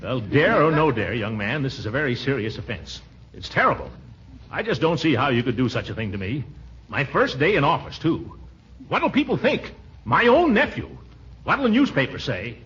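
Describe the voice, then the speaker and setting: An actor playing a pompous, blustering middle-aged small-town official and uncle, flustered and exclaiming in 1940s radio comedy style. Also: male voice, mid-range voice, very animated, normal speed, fairly bright tone. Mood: indignant. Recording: dull, noisy vintage radio recording.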